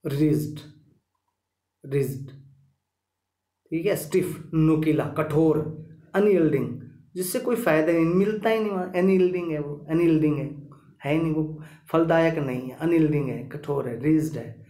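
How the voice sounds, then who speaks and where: A man's voice: fairly high pitch, normal speed, pauses often, mellow, echoey room. A man teaching a vocabulary lesson, repeating each word several times and checking in with his listeners as he goes. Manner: repetitive, drilling each word with "ठीक है".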